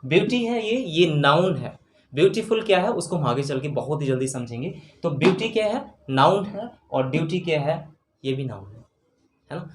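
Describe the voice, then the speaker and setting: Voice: medium pitch, animated, normal speed. Teacher spelling words letter by letter. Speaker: English grammar teacher. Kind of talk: exam-prep grammar lecture. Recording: roomy room with faint background noise.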